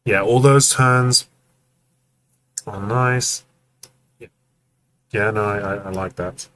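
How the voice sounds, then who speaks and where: The audio is poor, and this man talks slowly, his low voice a bit bright with fairly even intonation. Hosting a live stream, he gives friendly, relaxed notes on animation, physically demonstrating the movements and joking with chat along the way.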